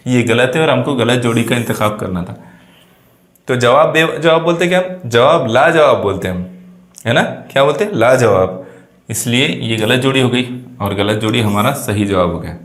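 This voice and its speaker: A man's voice: mid-range voice, a bit bright. A male teacher who explains vocabulary exam answers step by step and keeps checking that his students follow. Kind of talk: exam prep lesson. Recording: echoey room sound.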